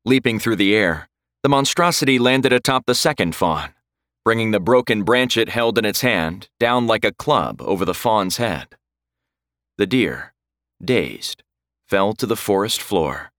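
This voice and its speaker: A man reading a horror story aloud in slow, dramatic scripted narration. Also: fairly low pitch, animated, fairly bright tone, no echo, studio quality.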